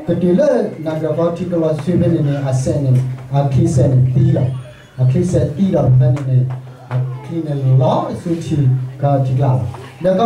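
A man preaches to his congregation in a loose, conversational way. His voice sits a bit high for a man yet sounds dark and soft-edged. The recording is echoey, as if captured in a church sanctuary from well back. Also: lo-fi sound. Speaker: pastor. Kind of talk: sermon. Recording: echoey church hall, mic far off.

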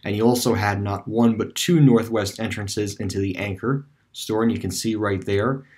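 A man's voice: lowish voice, steady tone, normal speed, darkish tone, breathy edge. A man giving rambling, casual voice-over commentary on a screen-recorded map tour, with many fillers and restarts. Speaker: video creator touring a closed store on street view.

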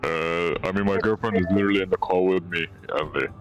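A man with a very deep, low magnetic voice, speaking hesitantly in a casual online voice chat. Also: steady tone, fast, soft background music. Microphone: online game voice chat.

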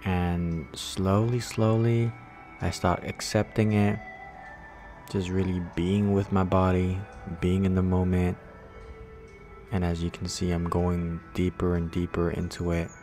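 A young man with a deep voice narrates casually as a vlogger. He recounts things in a conversational way, with music playing behind him. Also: flat delivery, measured pace, dark tone. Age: young adult.

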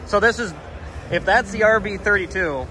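A man's voice: high-pitched, normal speed, sharp tone, a little hiss or hum. A young man chatting casually as he walks around a car show, telling dad jokes with a mock-serious delivery. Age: young adult. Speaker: vlog host. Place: large indoor exhibition hall. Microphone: handheld phone camera. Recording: music and hubbub of event hall behind.

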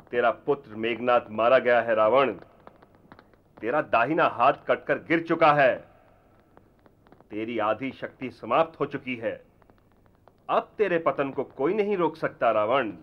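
A man's voice: medium pitch, lo-fi sound, close to an everyday voice. A man playing a stern, mocking king of gods as a disembodied voice proclaiming warnings in a mythological TV drama. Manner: disembodied voice, slow ominous proclamation. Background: background music.

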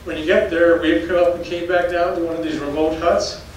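His delivery is flat and a little fast, in a fairly high-pitched voice: an older geology professor giving a public slide talk of stories. He's folksy and anecdotal and chuckles between them. The setting is a darkened lecture hall with an audience; the sound is very echoey, distant-miked, with faint noise.

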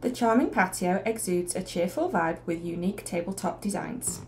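Promo narrator: woman, mid pitch, clear reading, loud music bed. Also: expressive, normal speed. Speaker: real estate agent host. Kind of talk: scripted promotional voice-over.

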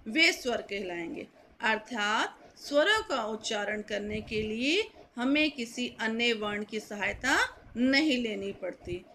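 Woman, grammar teacher, high bright voice, measured delivery, repeats points. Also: a little hiss or hum. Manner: slow, careful, repeats key points. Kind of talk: classroom lesson.

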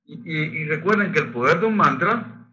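Bright-voiced man teaching a Reiki session. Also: fairly high pitch, animated, highs cut off, slight background noise. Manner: leads group chanting of Japanese phrases, slow and sung. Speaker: Reiki facilitator. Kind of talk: spiritual workshop teaching.

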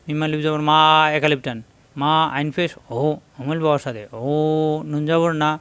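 High-voiced man teaching Quran recitation. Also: fairly even intonation, fairly bright tone, clear, resonant tone, no echo. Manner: spells letters quickly, then recites verses slowly and melodiously. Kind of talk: Quran tajweed lesson with spelling and recitation.

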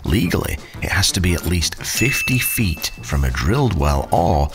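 A man narrates in an extremely low, gravelly voice. His scripted voice-over has a dry, wry wit, and his pitch moves in a lively way. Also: moderate pace, music in the background.

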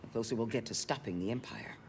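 A man playing a calm male ship crew member in a video game, speaking steadily and giving advice. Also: medium pitch, fast talker, a little hiss or hum, lightly acted. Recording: game audio under music.

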